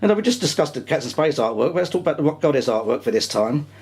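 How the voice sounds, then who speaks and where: A man's voice: a little high, big pitch swings, quick pace, darkish tone, slightly rough. A man interviewing musicians, asking questions in a playful way with frequent laughter. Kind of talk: casual interview.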